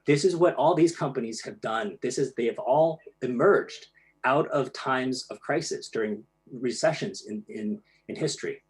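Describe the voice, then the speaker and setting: A man's voice: medium pitch, moderate pace. A man giving a presentation, explaining ideas plainly with casual fillers and restarts. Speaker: speaker giving a talk. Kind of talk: presentation to an online audience.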